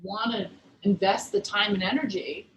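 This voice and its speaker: A woman nutrition coach in a casual cooking demo, chatty and quick to laugh, with lots of "like" in her talk. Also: medium pitch, slight background noise. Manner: chatty, laughs often, says "like" a lot. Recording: echoey room.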